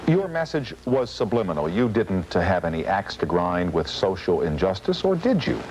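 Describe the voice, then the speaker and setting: Very deep-voiced talk show host. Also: male voice, very animated, moderate pace, darkish tone, a little hiss or hum, poor audio. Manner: probing, playful. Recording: archival TV broadcast.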